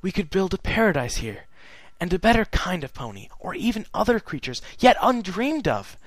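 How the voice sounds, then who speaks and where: A man's voice: high voice, big pitch swings, normal speed, dry recording, voice pushed up, poor audio. A man voicing a regal, sorrowful immortal pony princess, reading her letter in a solemn, earnest way. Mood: solemn, wistful. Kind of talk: fan fiction reading.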